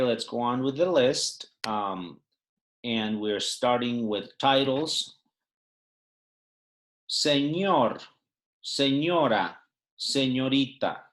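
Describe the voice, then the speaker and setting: A man who speaks natively, going through a phrase sheet in English, unhurried and with many fillers. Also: medium pitch. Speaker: Spanish teacher.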